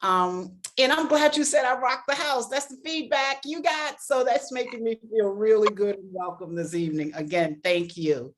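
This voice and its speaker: An older woman from Boston, a life coach speaking as an interview guest, earnest and grateful in a measured way. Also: fairly high pitch. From Boston, East Coast.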